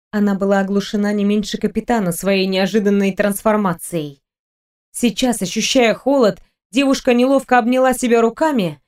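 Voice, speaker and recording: A woman reading a romantic fantasy audiobook in a measured, gentle storytelling manner. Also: mid-range voice. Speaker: audiobook narrator. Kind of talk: scripted narration.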